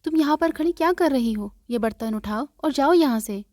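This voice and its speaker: A woman's voice: high-pitched, lively intonation, warm tone, no echo, clean studio sound. A woman voicing a stern older brother who scolds his sister in a spoken story.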